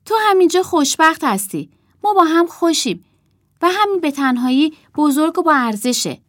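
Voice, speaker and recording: A soft-spoken young girl in a storybook, voiced by a woman reading aloud, calm and reassuring in a high, lilting voice. The sound is dry and close. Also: no room sound. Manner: soothing, reassuring. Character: young girl, gentle and content, in love.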